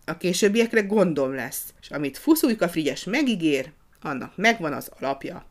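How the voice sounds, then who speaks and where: Narrator putting on a bossy male gardener, worked up and shouting, voice pushed higher and louder than the telling around him. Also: lightly acted. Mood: self-important. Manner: excited, fussy, often shouting.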